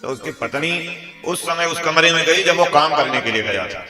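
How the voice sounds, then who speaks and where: A man telling a comic folk tale as a religious storyteller, narrating in a lively, animated way. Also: fairly high pitch, moderate pace. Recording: echoey hall, faint music.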